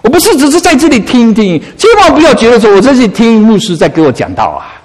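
Man preaching, high lively voice, coaxing, questions to listeners, long hall echo. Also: quick pace. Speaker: pastor. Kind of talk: sermon.

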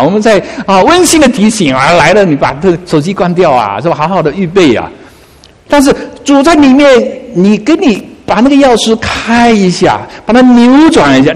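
A man preaching a sermon as pastor, coaxing and animated, often asking his listeners questions. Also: sits high, in a large hall.

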